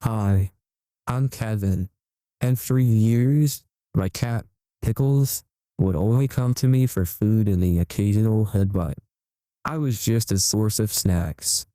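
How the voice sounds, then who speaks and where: A man's voice: fairly low pitch, slow pace, dark tone, no room sound, poor audio. A man playing an earnest, overexcited cat owner, giving a melodramatic parody infomercial testimonial with reverent sincerity. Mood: awed, earnest.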